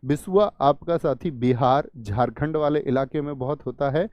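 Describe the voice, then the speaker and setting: A man's voice: medium pitch, normal speed, no room sound, lo-fi sound. A man teaching a general knowledge lesson for exam students, asking questions and answering them himself, repeating key facts and calling the viewers brother and friend.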